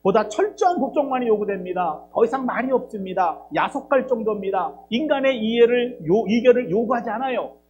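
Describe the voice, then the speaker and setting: A man's voice: extremely high pitch, a little fast, hardly any pauses. Guy pastor giving a sermon, acts out lines, muffled lo-fi recording with faint noise. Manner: animated, acts out dialogue and rhetorical questions. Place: church.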